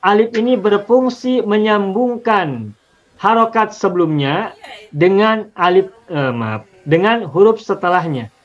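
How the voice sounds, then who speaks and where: A man's voice: high-pitched, lively intonation, measured pace, highs cut off. A man teaching an Arabic linguistics lesson on the Quran, explaining patiently step by step and repeating examples.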